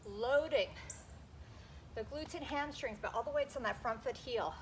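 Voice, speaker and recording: Higher-pitched woman, aerobics instructor coaching outdoors. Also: normal speed. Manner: encouraging, exerting while exercising. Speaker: fitness instructor. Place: outdoors in a backyard garden. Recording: noisy outdoor recording with ambient sound.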